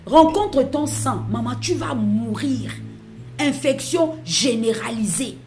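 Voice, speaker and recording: A motherly middle-aged woman doctor, as a woman puts her on, pitched high and quick with alarm. She fusses over her patient in a rising voice while soft music plays underneath. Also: expressive. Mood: panicked. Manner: motherly, calls patient "my daughter".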